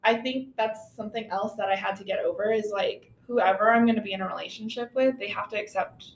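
A woman's voice: medium pitch, steady tone, quick pace, gravelly, echoey room, low-quality recording. A young woman co-hosting a podcast, speaking candidly and self-consciously about her anxiety, with little laughs. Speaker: podcast co-host. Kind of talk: casual chat.

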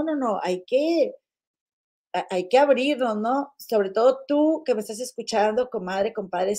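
A woman hosts a live-streamed podcast in a loose, chatty way. She talks warmly to her "comadres," sprinkles in diminutives, and often restarts her phrases. Her voice swings easily between loud bursts and quiet asides. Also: medium pitch. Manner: chatty, affectionate, uses many diminutives and "comadre"; frequent fillers and restarts, animated swings in loudness. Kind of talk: casual live chat reading viewer comments.

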